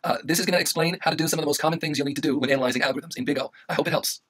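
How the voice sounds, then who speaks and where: Hoarse, fast-talking man losing his voice. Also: fairly high pitch, fairly bright tone. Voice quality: husky, strained voice. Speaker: instructor explaining algorithm analysis. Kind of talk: informal tutorial narration.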